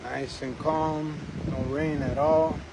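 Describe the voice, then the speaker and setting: Clear wind noise sits on the recording as a man talks casually to his live viewers outdoors. His voice is a little high, with the loose delivery of an off-the-cuff vlog. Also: level tone, slow pace. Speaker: live streamer.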